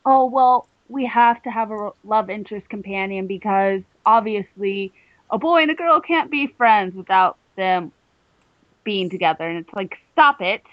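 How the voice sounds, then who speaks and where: A woman's voice: mid-range voice, no room sound. Opinionated woman on a lo-fi podcast. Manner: opinionated and animated, quick asides. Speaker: podcast co-host. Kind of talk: casual fan podcast chat. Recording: dull, dry lo-fi sound.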